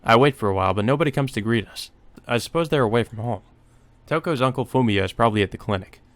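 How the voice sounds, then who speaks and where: A man with a medium pitch reads a visual novel aloud at a quick pace as playthrough narration. The recording is dry apart from the game music behind him, and he now and then stumbles and rereads a line.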